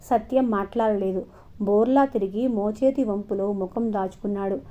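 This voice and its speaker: A woman reads a novel aloud in a steady, expressive storytelling voice. Her tone is mellow and warm. The recording sounds dull and lo-fi. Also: medium pitch, normal speed. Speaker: narrator. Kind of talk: novel reading.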